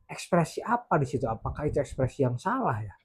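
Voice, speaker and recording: A man's voice: medium pitch, big pitch swings, fast talker, husky. A man hosting a casual podcast, putting probing questions with frequent fillers. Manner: asks probing questions, hesitant with many fillers. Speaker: podcast host.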